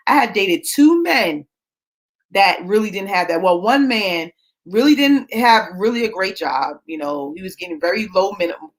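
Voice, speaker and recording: Speaking in a mid-range, slightly bright voice, a forties-aged woman hosts a live show. She confides a personal story to viewers in easygoing, chatty talk, frequently checking in with "right?".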